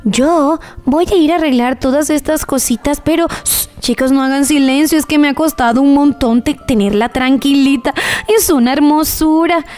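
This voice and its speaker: High-voiced bubbly woman. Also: moderate pace, a little mellow. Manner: bubbly, gushing, full of diminutives, talks to viewers as "chicos". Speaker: gaming YouTuber. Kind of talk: mobile game let's-play commentary.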